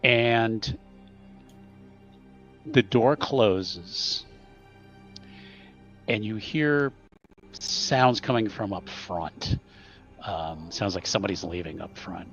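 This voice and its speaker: A man narrating as game master for a tabletop game, halting, with many ums and restarts. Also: on the low side, fairly bright tone, dull audio, soft background music.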